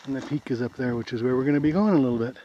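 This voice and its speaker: An American-accented hiker narrates very fast in a dark, medium-pitched voice while filming a forest trail walk. Easygoing and plain, he points out the sights along the way. The camera audio is dull and lo-fi, with a little hiss or hum.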